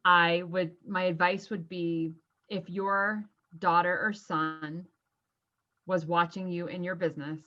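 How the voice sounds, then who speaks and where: A woman guest on a podcast interview, chatty and quick to laugh. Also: lowish voice, flat delivery, pushed and bright, highs cut off. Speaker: guest, social media strategist.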